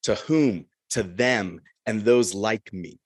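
A man voicing a lonely, brooding male minotaur in a slow, measured poetry reading. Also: fairly low pitch, husky, no room sound, clean studio sound.

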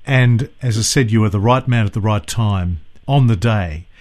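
A man hosting a radio interview, asking calm, courteous questions. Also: fairly low pitch, moderate pace. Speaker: radio host.

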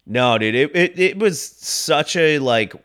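A man's voice: a little high, lively intonation, slow, clean tone. Rambling, swearing man telling stories. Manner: rambling, swearing, laughing, acts out quotes loudly. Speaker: podcast co-host. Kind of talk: casual chat, storytelling. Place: Los Angeles.

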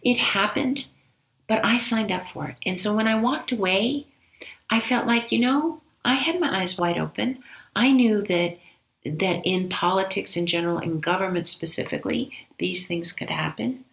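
A woman guest in an interview, telling a personal story in an earnest, measured way that often sinks to a near-whisper. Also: medium pitch, creaky, fairly bright tone, low-quality recording. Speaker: interview guest, former agency director.

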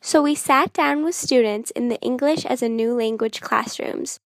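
A woman's voice: fairly high pitch, normal speed, vocal fry, no room sound. A teenage girl narrating a report as a student reporter, in an earnest read-aloud delivery. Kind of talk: scripted narration.

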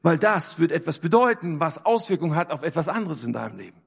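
A man's voice: on the high side, very animated, quick pace, vocal fry, breathy edge. A man preaching a sermon, emphatic, repeating key phrases and asking rhetorical questions. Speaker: pastor.

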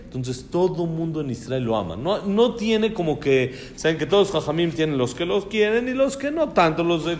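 A man's voice: on the high side, a little hiss or hum. A man giving an informal Torah class, speaking in an admiring way that repeats phrases and often restarts.

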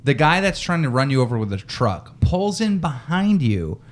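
A man's voice: mid-range voice, sing-song, normal speed. A young man hosting a podcast. He prompts and recaps the story in blunt, profane, casual talk. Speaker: podcast host. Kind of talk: casual chat.

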